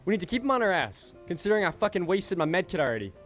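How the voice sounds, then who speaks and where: Young guy streaming a game, swears a lot, voice a bit worn out, bouncy pitch, music under it. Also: sing-song, very fast. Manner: crude, swearing, self-mocking. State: losing his voice. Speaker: gaming YouTuber. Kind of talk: casual gameplay commentary.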